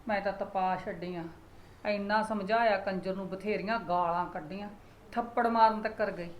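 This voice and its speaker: A woman's voice: mid-range voice, steady tone, normal speed, echoey room, a little hiss or hum, close to an everyday voice, low-quality recording. A woman with a Punjabi accent playing a worried, apologetic mother-in-law who laments her son's behaviour. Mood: lamenting.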